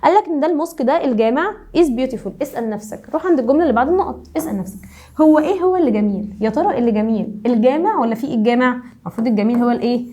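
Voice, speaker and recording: Fast-talking Egyptian woman teacher, slightly high and mellow, drilling grammar with rhetorical questions. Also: lively intonation. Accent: Egyptian Arabic. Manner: brisk, keeps asking rhetorical questions. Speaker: English teacher. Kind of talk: grammar lesson for middle schoolers.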